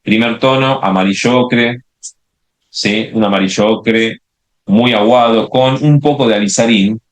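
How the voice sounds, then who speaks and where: A man's voice: lowish voice, unhurried. A man demonstrating a watercolor painting, explaining step by step and often checking in with "¿sí?". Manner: explanatory, many checking "¿sí?" tags and restarts. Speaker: watercolor instructor.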